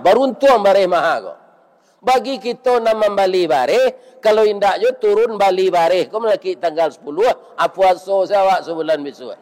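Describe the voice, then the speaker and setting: Older village preacher, Minangkabau accent, chatty and bantering, voice sits a little high. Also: male voice, a little mellow. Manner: folksy, bantering, keeps asking "iya kan?". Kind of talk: village sermon with crowd questions.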